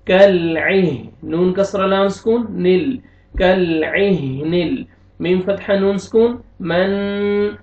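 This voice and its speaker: A man teaching Quran recitation, slowly spelling out syllables and chanting them, then explaining pronunciation briskly. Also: high voice, a little mellow. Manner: slow drawn-out recitation alternating with brisk explanations. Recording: tinny phone-like audio, roomy echo, distant from mic.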